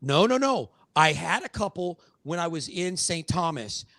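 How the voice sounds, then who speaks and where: A man hosting a casual show, excitable and joking, talking on a call. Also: a little high, crowd noise. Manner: excitable, laughing, quick to joke. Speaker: show host. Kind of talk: casual banter on a video call.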